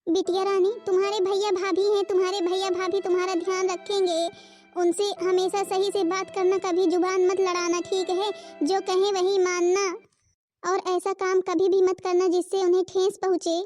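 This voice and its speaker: A woman voicing a dying elderly mother-in-law in a cartoon, speaking softly and pleading with her family. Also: very high voice, little pitch movement, normal speed, over music. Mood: sad, pleading. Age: older. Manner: soft, pleading farewell speech. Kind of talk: Hindi cartoon voice acting.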